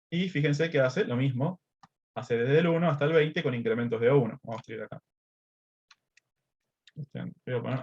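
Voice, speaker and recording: A man's voice: mid-range voice, a little mellow, breathy edge. A man teaching a screen-recorded coding lesson step by step, often asking "¿sí?" and filling gaps with "este". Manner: explains step by step, checks in with "¿sí?" and "este". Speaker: math teacher. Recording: slightly dull lo-fi audio.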